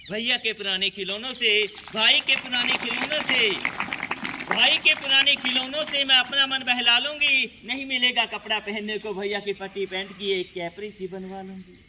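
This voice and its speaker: A man's voice: extremely high pitch, steady tone, normal speed. A man voicing an unborn baby girl who recites pleading verses, recorded at a noisy school show.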